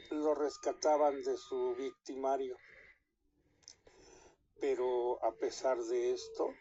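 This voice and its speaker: Mexican male storyteller, dark and even delivery, unhurried with small restarts, faint hiss behind a dull lo-fi recording. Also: mid-range voice. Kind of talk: telling a scary story.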